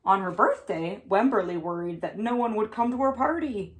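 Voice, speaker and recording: There's slight background noise as a woman of medium pitch, a preschool teacher, reads a picture book aloud to little children. Her delivery is deliberate and expressive, leaning on emphasized words.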